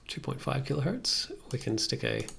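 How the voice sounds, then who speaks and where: This young man's mid-range voice swings widely in pitch; it is creaky and fairly bright, with a breathy edge, at a moderate pace. A music production livestreamer, he chats casually through a tutorial at his desk indoors, tentatively thinking out loud while he works.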